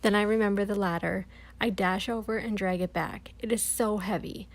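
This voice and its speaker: A woman reading a children's storybook aloud, expressive and dropping to a whisper at tense moments. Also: mid-range voice, normal speed. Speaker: storybook reader.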